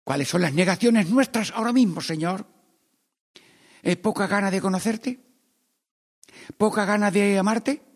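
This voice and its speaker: A man leading a Stations of the Cross meditation, praying aloud and swinging between hushed pleas and loud, emphatic lines. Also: high-pitched, moderate pace, pauses often, big-room sound. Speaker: priest.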